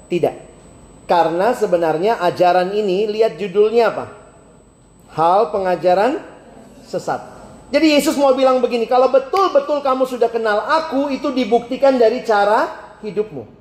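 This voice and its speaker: A man preaching a sermon, acting out both sides of a phone conversation in a lively storytelling way and stretching single words for emphasis. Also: sits high. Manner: animated, acts out both sides of a phone call; emphatic, drawn-out words for stress. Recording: echoey hall with faint ambience.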